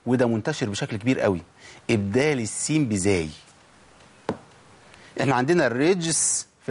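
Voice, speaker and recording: A man with an Egyptian Arabic accent gives a tajweed lesson on Quran pronunciation in a mid-range, slightly rough voice. He poses rhetorical questions to himself and demonstrates sounds slowly, repeating them over and over.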